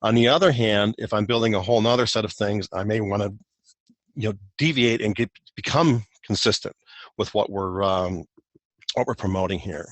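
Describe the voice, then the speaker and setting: A man's voice: fairly low pitch, normal speed, no room sound. A man presenting a technical guide in a recorded webinar walk-through, explaining loosely with many fillers and restarts.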